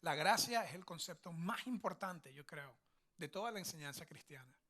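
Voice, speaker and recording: A pastor with a fairly high, sharp voice and lively intonation preaches at a normal speed, giving a conversational sermon full of family anecdotes. He chats with listeners and keeps checking in with "verdad?" and "ok?"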